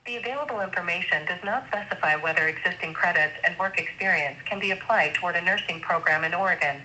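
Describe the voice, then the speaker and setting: A woman's voice: fairly low pitch, fast talker. A woman's voice as an automated phone assistant, speaking formally and evenly over a phone line. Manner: even, formal, scripted delivery. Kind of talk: automated call menu and answers. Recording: dull phone line with faint hiss.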